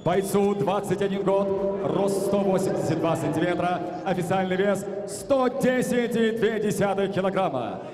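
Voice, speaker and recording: An older man with a Russian accent works as a boxing ring announcer, with formal, showy delivery and drawn-out names over an arena PA. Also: high voice, darkish tone, a little hiss or hum. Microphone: handheld microphone over arena PA. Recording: echoing arena PA, long reverb.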